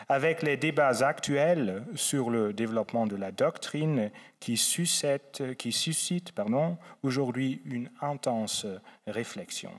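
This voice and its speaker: A man with a German accent from Saarland gives a formal, measured academic lecture as a guest theologian. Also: mid-range voice. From Saarland, Germany, on the French border. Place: large lecture hall at a faculty. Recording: echoey hall with long reverb.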